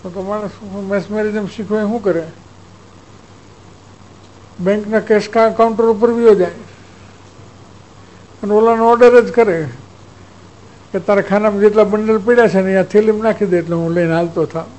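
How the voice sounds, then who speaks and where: High-voiced man giving a spiritual discourse. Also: steady tone, normal speed, long pauses, a little mellow, slight background noise, rough recording. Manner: storytelling, acts out exchanges, chuckles. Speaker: spiritual teacher.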